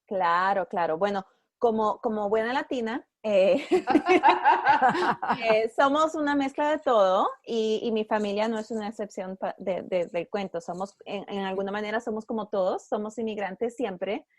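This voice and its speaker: A woman's voice: mid-range voice, a little slow, no echo. A woman, a podcast guest telling her story in a chatty way, often restarting sentences and slipping in English words. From Dominican Republic. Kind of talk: casual interview conversation. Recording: dry, slightly muffled recording.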